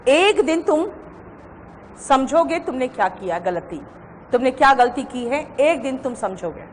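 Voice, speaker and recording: Slow-dictating Indian woman teacher, high voice. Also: a bit bright, long reverb tail, a little hiss or hum. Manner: dictates notes slowly, repeating phrases. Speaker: English grammar teacher. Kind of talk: classroom lecture in Hindi and English.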